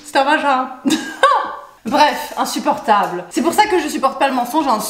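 A woman telling a personal story to her viewers in a casual vlog, animated and exasperated, often laughing. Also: high voice, unhurried. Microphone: Rode microphone. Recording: roomy echo.

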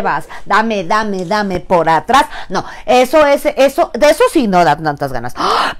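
A middle-aged woman with a Mexican accent, hosting a frank, playful live talk as a sexuality educator. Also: mid-range voice. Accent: Mexican Spanish. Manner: animated, playful, frank and chatty.

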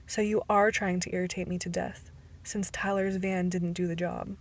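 A woman's voice: on the low side, level tone, moderate pace. A woman reading the lines of an irritated, sarcastic teenage girl in a storybook, in a voice close to her own.

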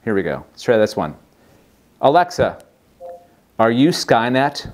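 A man's voice: mid-range voice, measured pace. A man hosting a casual tech demo, amused as he asks a voice assistant questions. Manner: lively, amused, asking the device questions. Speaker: host demonstrating a voice assistant.

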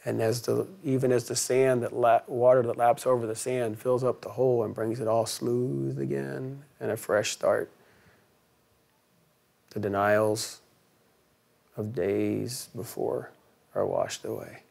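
A man preaching a sermon in a church, with a gravelly, creaky voice at a middle pitch. He tells the story in a lively way and jumps into the characters' voices as he goes. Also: measured pace. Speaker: pastor. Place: church sanctuary.

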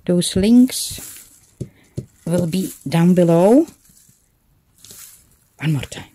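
Slow, mellow-voiced woman crafting. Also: lowish voice, lively intonation, slightly rough, no room sound. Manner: thinks aloud while working, self-correcting. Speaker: craft channel host. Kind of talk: casual crafting tutorial.

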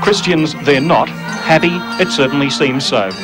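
A man's voice: on the high side, normal speed, music in the background, crowd noise, low-quality recording. Australian man reading wry news voice-over. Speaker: television reporter. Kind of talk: scripted news narration.

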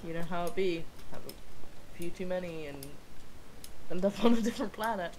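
A woman's voice: lowish voice, normal speed, darkish tone, slight background noise, poor audio. A woman chatting playfully and teasing her friends while gaming. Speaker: gaming host. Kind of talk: casual gaming chat.

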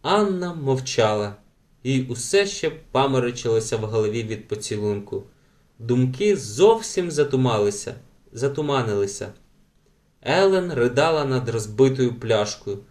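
A man reading a children's audiobook aloud with gentle, animated storytelling. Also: medium pitch, moderate pace. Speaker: audiobook narrator.

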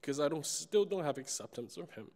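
A man's voice: on the high side, animated, brisk, a little mellow. A young man from China giving closing remarks at a conference, speaking candidly and earnestly with a handheld microphone on a large stage. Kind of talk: personal speech on stage. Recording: long reverb of a large hall.

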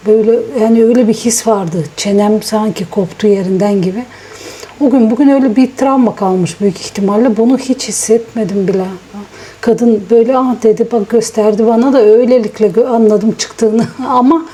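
A woman chatting casually to her viewers at home in a daily vlog, ill with a swollen sore throat and talking softly. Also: a little high. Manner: chatty, rambling, talks softly. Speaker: vlogger. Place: at home, indoors. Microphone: small vlogging microphone.

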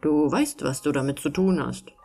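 A woman's voice: low-pitched, normal speed, creaky, warm tone, husky, soft background music, exaggerated voice. A woman playing a sly little old fairy man. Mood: knowing.

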